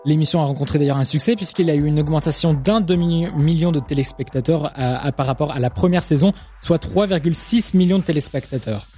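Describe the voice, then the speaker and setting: A fairly high-voiced man presents a media segment on a small web radio show. He reads his notes in a chatty way, with little jokes and asides to his partner. His tone is relaxed and conversational. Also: a little fast, hardly any pauses, slightly rough, soft background music. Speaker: radio co-host.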